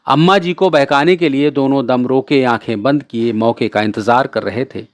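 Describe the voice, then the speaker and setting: A man's voice: medium pitch, normal speed, no room sound. Man reading a storybook aloud. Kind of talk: storybook narration.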